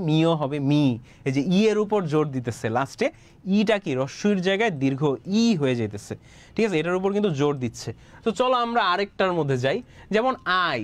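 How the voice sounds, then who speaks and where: A man with a Bangladeshi accent teaching an English pronunciation class online, reading out students' answers, repeating words and checking that they follow. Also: fairly high pitch.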